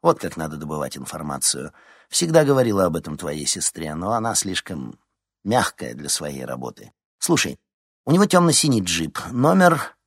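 A man's voice: sits low, huge pitch swings, moderate pace, slightly rough, no echo, clean studio sound, full character voice. A man voicing a cold, calculating female TV reporter who talks in a mocking tone.

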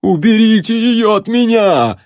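A man voicing a coarse, surly male hermit hunter who hates people and shouts insults. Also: moderate pace, no echo, clean studio sound, lightly acted. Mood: panicked. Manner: shouting insults, later shrill panicked falsetto.

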